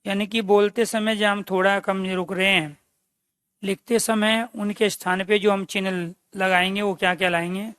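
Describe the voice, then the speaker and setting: A man's voice: sits high, flat delivery, moderate pace, fairly bright tone, smooth, no echo. A man teaching grammar for exam prep. He repeats key phrases and quizzes his listeners with questions. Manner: calls listeners dear friends. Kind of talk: online exam-prep lesson.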